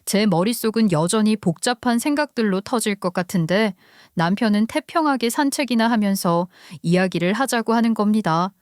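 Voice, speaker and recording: A woman narrating a listener's story in the first person, in a steady, confiding way. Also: medium pitch, normal speed, no echo, studio quality.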